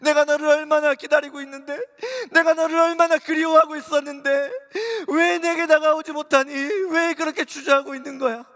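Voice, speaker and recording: A male pastor voicing Jesus as a gentle, pleading, loving father in a sermon. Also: very high-pitched, level tone, brisk, hardly any pauses, pitched above the performer's own voice. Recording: long reverb of a church hall.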